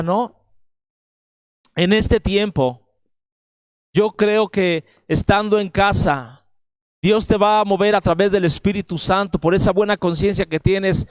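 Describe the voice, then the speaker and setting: A man's voice: high voice, dry recording. A man preaching a sermon in a Mexican accent, emphatic and speaking straight to his listeners. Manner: emphatic preaching, addresses listeners directly with frequent "¿verdad?". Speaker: pastor.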